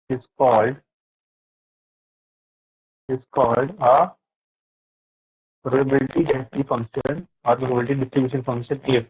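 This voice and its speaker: A man explains a lesson to students on a video call, patient and steady, often pausing on fillers. His voice is husky and mid-pitched. The call audio is muffled and lo-fi. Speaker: teacher. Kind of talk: online class lecture. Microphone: laptop or headset mic on a video call.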